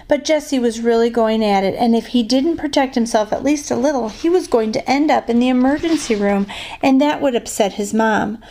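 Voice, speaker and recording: A woman guest reader reads a children's novel aloud at a fairly high pitch. She gives the dialogue lively expression while keeping the narration plain.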